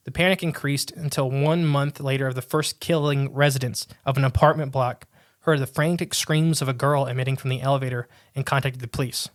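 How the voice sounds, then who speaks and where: A male podcast co-host with a mid-range, steady voice reads a bizarre tale a bit fast. Along the way he makes casual side remarks, often fumbling words and going back to redo them.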